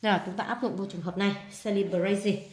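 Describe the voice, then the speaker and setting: A Vietnamese-accented woman teacher explains exam answers one by one, repeating key words and filling pauses with "à". Her voice sits at an ordinary middle pitch. The sound carries a noticeable echo, as if recorded in a bare room. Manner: steady explaining, frequent fillers and repeats. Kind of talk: casual spoken exam walkthrough.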